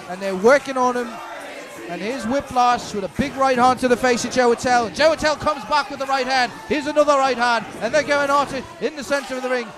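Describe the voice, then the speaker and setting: A lucha libre announcer with a very high-pitched male voice calls the action from a broadcast table. His phrasing is dramatic and formal, like a ring showman's, over clear crowd noise. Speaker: play-by-play wrestling announcer. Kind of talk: lucha libre wrestling commentary. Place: broadcast table at a wrestling event. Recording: live event with loud crowd.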